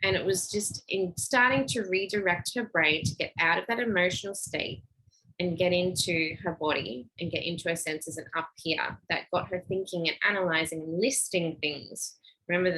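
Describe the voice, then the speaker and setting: A woman's voice: fairly low pitch, normal speed, bright, forceful tone, low-quality recording. A middle-aged woman giving a casual teaching talk on parenting, chatting freely and acting out little dialogues in a lifted voice. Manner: conversational, acts out quoted dialogue in a lifted voice. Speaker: parenting and emotional intelligence speaker.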